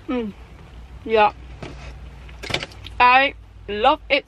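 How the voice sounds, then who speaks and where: A woman in her twenties with a Netherlands Dutch accent, chatting casually and excitably with English slang while she chews and eats. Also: a little high, very slow, highs cut off. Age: 20s. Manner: chewing while talking, eating as she chats. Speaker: vlogger. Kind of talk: casual food vlog chat. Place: inside a parked car at night. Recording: faint background noise in car.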